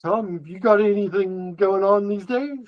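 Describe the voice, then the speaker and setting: A man's voice: sits high, moderate pace, muffled recording. A man at a robot club meeting, heard over a video call and chatting in a light, teasing way. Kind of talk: casual group chat at a club meeting.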